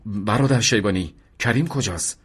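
A man voicing a steady, devout male battalion commander in an earnest radio drama reading. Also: on the low side, slightly rough. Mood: calm. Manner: earnest, fervent when pleading.

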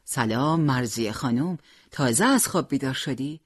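A troubled young son who cares for his family but evades questions about himself, as an audiobook reader voices him. The voice is slightly husky and recorded dry and close. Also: mid-range voice, lively intonation, dry recording. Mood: kindly. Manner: evasive, gently deflecting. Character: troubled, caring young man, elder son. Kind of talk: audiobook character reading.

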